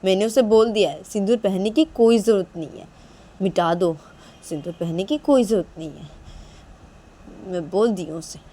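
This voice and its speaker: A woman's voice: mid-range voice, moderate pace, dark tone, natural voice. A woman voicing a heartbroken young woman who insistently repeats herself. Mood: upset, insistent.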